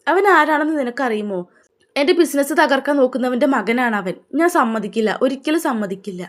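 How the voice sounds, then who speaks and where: A proud, scornful rich father in a storybook tale, as a woman narrator puts him on. He speaks harshly and with open contempt, in a slightly high voice. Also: lively intonation, brisk. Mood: angry.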